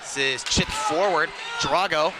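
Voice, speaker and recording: Clipped, play-by-play phrases mark this man's live hockey commentary, delivered without hurry in a fairly high voice. Around the mic, the rink is noisy.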